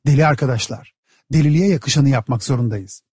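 A man voicing the male ringleader of escaped lunatics, speaking slowly and speechifying to a crowd in an audiobook reading. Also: medium pitch, darkish tone, breathy edge, no room sound, clean studio sound, close to an everyday voice. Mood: rousing. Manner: slow, rousing, speechifying to a crowd. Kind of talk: audiobook character voice.

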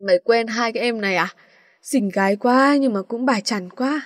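A woman's voice: a little high, fairly quick, dry recording, studio quality, close to an everyday voice. Woman reading as a brash mocking young man. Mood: teasing. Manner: mocking, quarrelsome.

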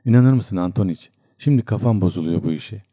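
A homesick young soldier who confides in long, rambling stories, read by a male narrator. The voice is low and dark. It stays close to the reader's own sound. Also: expressive, a little fast, slightly rough, no echo. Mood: rueful. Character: homesick young soldier, man, chatty and earnest.

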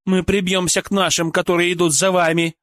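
A man's voice: high-pitched, flat delivery, brisk, no echo, studio quality, pitched above the performer's own voice. A man reading an audiobook, voicing an angry, bitter woman, a former shop clerk and mother, who hurls accusations and insults. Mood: bitter, furious. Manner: harsh, accusing, shouting insults.

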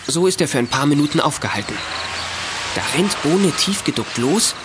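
Narrating a children's detective audio play, a man delivers matter-of-fact scripted lines at normal speed in a fairly high voice with big pitch swings. The old recording is clearly noisy.

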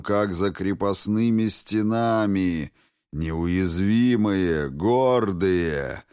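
A man voicing an ancient, wrathful ghost dragon in an audiobook, speaking slowly and solemnly. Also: deep voice, a little mellow, smooth, dry recording, clean studio sound. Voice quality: slow, heavy, solemn delivery.

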